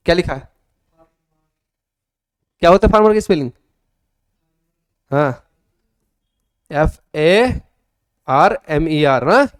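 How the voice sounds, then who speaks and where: Lively high-voiced teacher. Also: male voice, smooth, no echo, studio quality. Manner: lively, coaxing, quizzes students and repeats answers. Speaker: English grammar teacher. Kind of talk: classroom grammar lesson.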